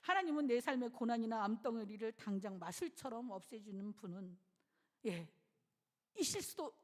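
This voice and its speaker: A woman's voice: a little high, normal speed. A middle-aged woman pastor giving a sermon in a church, telling a personal story with emotion and acting out what others said. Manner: animated, emotional storytelling, acts out quoted voices. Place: church sanctuary.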